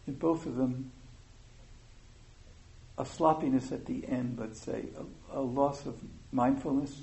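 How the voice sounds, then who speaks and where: A man giving an informal meditation talk, speaking slowly and thoughtfully with many pauses and fillers. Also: mid-range voice, steady tone, creaky, warm tone, rough recording. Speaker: meditation teacher.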